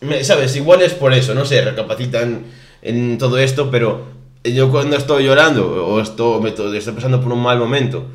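A man's voice: medium pitch, moderate pace. A young man from Spain co-hosting a podcast, chatting casually and rambling with frequent restarts. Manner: rambling, restarts often, says "tío". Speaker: podcast co-host. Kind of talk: casual chat. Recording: roomy echo.

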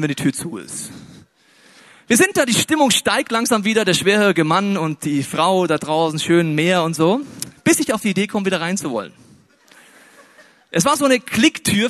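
High-voiced man telling a lively sermon story. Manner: lively storytelling, acts out dialogue in raised voices. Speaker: pastor. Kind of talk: sermon with personal anecdote.

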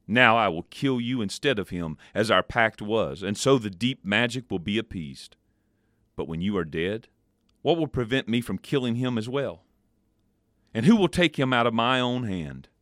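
A man's voice: medium pitch, a bit bright, no room sound, clean studio sound. A man voicing a cold, cruel female witch queen in a dramatic storybook reading, gloating and commanding.

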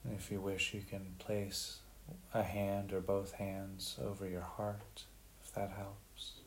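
A man leading a guided meditation in a gentle, unhurried way, leaving long pauses. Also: deep voice, level tone, rough recording. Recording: faint background hiss.

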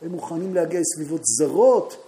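A man with a fairly high-pitched voice tells a story in his Talmud class, addressing questions to his students and sometimes swelling into loud, energetic outbursts.

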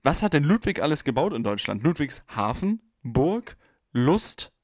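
A man's voice: fairly high pitch, big pitch swings, measured pace, dry recording, studio quality. A man co-hosting a casual podcast chat, teasing his partner with crude jokes. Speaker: podcast co-host.

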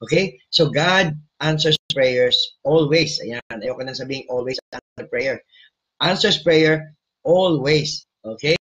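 A Filipino man preaching and leading prayer, switching between Tagalog and English and often asking his listeners questions in a loud, emphatic voice. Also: medium pitch, slightly rough, muffled recording. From Philippines. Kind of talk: sermon and prayer.

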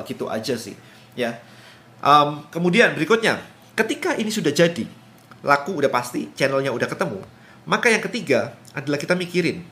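A man giving a casual spoken lesson on digital business, chatty and full of quick everyday examples. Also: fairly high pitch, sharp tone. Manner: chatty, explains with quick everyday examples and acted-out customer quotes. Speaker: business coach.

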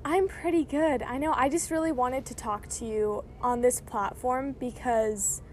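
A woman's voice: high voice, fairly even intonation, unhurried, a little hiss or hum. Young woman on a phone recording outdoors. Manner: chatty, friendly, uses fillers like "like". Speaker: interviewer. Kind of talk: casual interview with a friend. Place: outdoors in a backyard. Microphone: phone, no other equipment.

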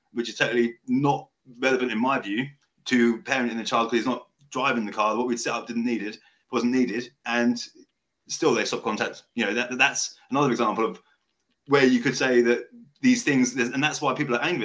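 A man's voice: mid-range voice, fairly bright tone. A man working as a family mediator, talking in a casual discussion; he repeats words and restarts his sentences often.

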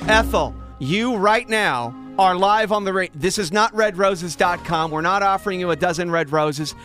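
A male radio host running a call-in segment, brisk and wry, taking charge of the callers. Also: sits high, a bit bright, faint music behind.

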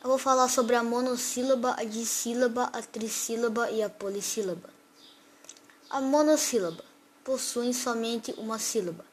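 A woman presenting a grammar lesson, reading definitions aloud and slowly listing example words one by one. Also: on the high side, slight background noise. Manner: reads definitions and word lists slowly, one example at a time.

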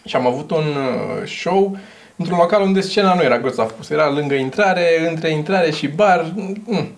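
Male podcast host, slightly high-pitched, chatty storyteller. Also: expressive, creaky. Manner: chatty storyteller, quick back-and-forth. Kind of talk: casual chat.

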